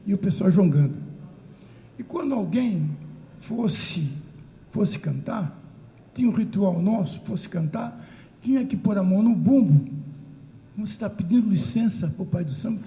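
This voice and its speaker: An older Brazilian woman telling an animated, emotional story of remembered traditions at a community talk circle. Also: medium pitch. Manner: animated, emotional, breaks into chanted calls. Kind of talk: storytelling recollection. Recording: roomy echo.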